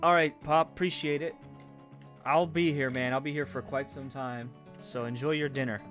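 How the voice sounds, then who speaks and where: There's faint game music as a man with a Canadian accent streams a Lego build, chatting casually in a mid-range, slightly bright voice with fairly even intonation and a moderate pace. He rambles with fillers and trails off as he tries to recall things.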